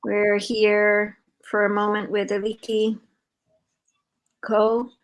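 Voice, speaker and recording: An older woman hosting a live video-call interview, talking in a warm, rambling way with many fillers. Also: medium pitch, monotone, slow, low-quality recording. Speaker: host and founder of an organization. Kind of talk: casual conversational interview.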